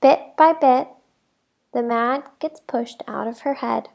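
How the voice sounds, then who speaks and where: A woman reads a children's picture book aloud like a teacher, her voice fairly high and creaky. For young listeners, she phrases things deliberately with emphasis and an expressive delivery.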